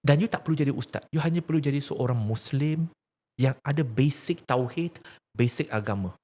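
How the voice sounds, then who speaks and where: A religious activist with a Malaysian accent speaks earnestly about faith in a mid-pitched, slightly mellow voice at normal speed. In an emphatic, preaching tone, he poses rhetorical questions and tells a teaching story.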